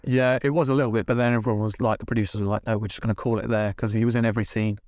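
A man, a TV director, telling animated casual stories on a podcast, swearing and acting out what people said. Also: lowish voice, very fast, dry recording, clean studio sound. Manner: animated, swearing, acts out dialogue. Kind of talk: casual storytelling. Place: podcast studio.

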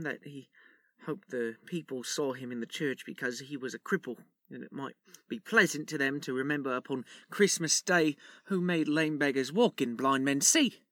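An actor playing a kindly, poor clerk and father in a dramatized story, gentle and placating. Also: high-pitched, no echo, clean studio sound, heavily acted. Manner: gentle, warm-hearted and placating. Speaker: Bob Cratchit.

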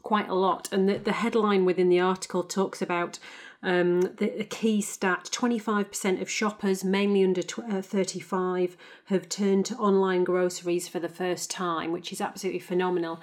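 A woman's voice: fairly low pitch, flat delivery, moderate pace. A woman co-hosting a podcast, chatty and asking long questions. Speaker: podcast co-host. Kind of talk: casual podcast chat.

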